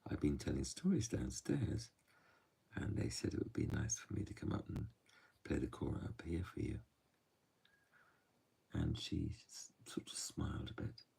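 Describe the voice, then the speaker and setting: A man telling a true story softly and gently, often dropping to a hush. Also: a bass voice, big pitch swings, distant mic. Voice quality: gravelly and husky. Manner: soft, unhurried, often drops to a hush.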